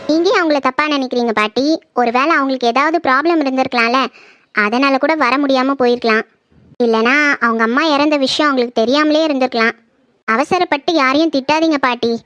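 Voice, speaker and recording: A woman's voice: high-pitched, fairly quick, fairly bright tone, dry recording, lo-fi sound. A woman voicing a kind, curious young woman in a cartoon, talking earnestly. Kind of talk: cartoon voice acting.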